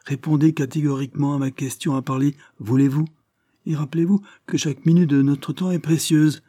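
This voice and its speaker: Male reader doing a dying old lord: commanding, pushing his voice higher and louder for emphasis, husky. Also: steady tone, brisk, dry recording, clean studio sound, natural voice. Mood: urgent. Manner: insistent, rising to sharp emphasis. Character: aging dying English lord, urgent and commanding.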